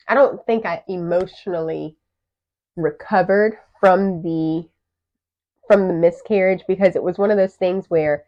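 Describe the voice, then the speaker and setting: A woman in her thirties, co-hosting a podcast and telling a personal story in a candid, animated way. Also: fairly low pitch. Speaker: podcast co-host. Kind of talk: casual chat. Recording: muffled lo-fi audio.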